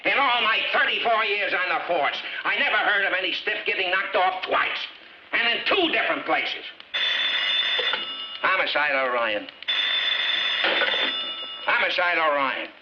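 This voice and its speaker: An actor playing a gruff, sarcastic veteran police captain, an older man trading screwball comedy banter in a 1950s film. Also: sits high, animated, a little slow, long pauses. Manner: wisecracking, gruff, slangy. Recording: dull, noisy 1950s film soundtrack.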